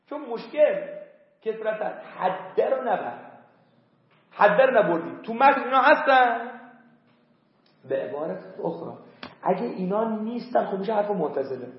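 A man teaching a philosophy class, emphatic, repeating key words again and again to drill them into his students. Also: very high-pitched. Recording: echoey, dull lo-fi room recording.

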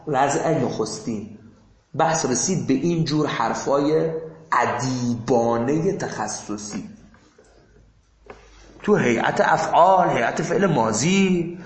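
A man with a high, lively voice teaches a class, dropping into murmured asides and then climbing into loud, emphatic points. His lecture rings in an echoey classroom. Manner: animated, swings between low asides and rising emphatic bursts. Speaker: seminary teacher.

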